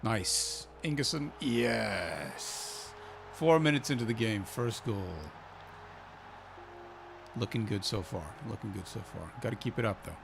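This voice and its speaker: Hosting a gaming channel, a man with an Icelandic accent plays a football manager game and chats through his thinking out loud, cheering his team along. His voice is lowish, expressive and creaky, a little slow, with background noise in the clip.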